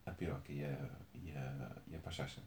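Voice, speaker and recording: A young man with a European Portuguese accent, explaining himself in casual debate with halting repetitions. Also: extremely low pitch, fairly even intonation, over a noisy crowd. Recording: echoey room.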